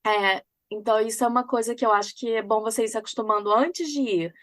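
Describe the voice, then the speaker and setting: A woman's voice: on the high side, quick pace, a bit bright, dry recording, studio quality. A woman with a Brazilian Portuguese accent, co-hosting a podcast in casual chat, telling stories with frequent laughs. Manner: chatty, laughs often while telling stories. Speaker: podcast co-host.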